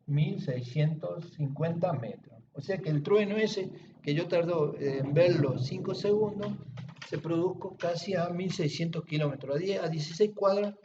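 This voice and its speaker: A man teaching at home, explaining patiently and checking understanding with frequent quick questions. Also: on the high side, roomy sound, background noise. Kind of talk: classroom-style explanation. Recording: distant, dull lo-fi home recording.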